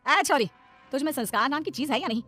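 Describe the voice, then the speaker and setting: A woman voicing a sharp-tongued, traditional older mother-in-law in an animated story. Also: high-pitched, fast, soft background music. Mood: scolding.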